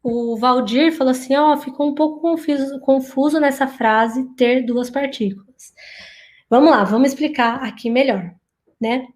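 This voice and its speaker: Woman, high voice, Japanese teacher, online lesson, lively, slow repeated phrases.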